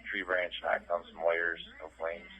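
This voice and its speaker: Male fire dispatcher, deep and flat, terse clipped radio updates through narrowband scanner. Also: unhurried, a crowd in the background. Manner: clipped, repeats addresses and call details.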